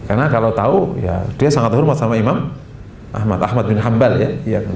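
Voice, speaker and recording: A man giving an Islamic study lecture in style, chatty and animated, jumping high in pitch for emphasis and slipping in laughing asides. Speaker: Islamic preacher. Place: mosque study hall. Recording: echoey room with faint background rumble.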